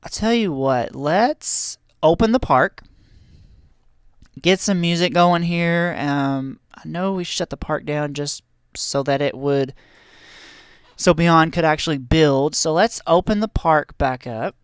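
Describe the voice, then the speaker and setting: A man's voice: a little high, slow, clean tone, no room sound. A man streaming a park-building game, talking casually through a headset at home with lots of fillers and restarts. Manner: rambling, chatty, many fillers and restarts. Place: home room with a heater.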